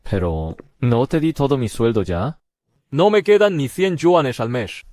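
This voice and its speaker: A man's voice: mid-range voice, lively intonation, measured pace, darkish tone, no echo, studio quality, natural voice. A man playing a cool, knowing young anime hero who narrates and warns of danger. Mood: sardonic. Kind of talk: anime recap narration and dialogue.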